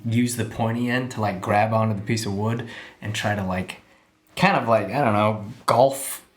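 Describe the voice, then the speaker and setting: A man's voice: on the low side, normal speed. A man casually describing his moves as a player in a tabletop role-playing game. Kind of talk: casual improvised game chat.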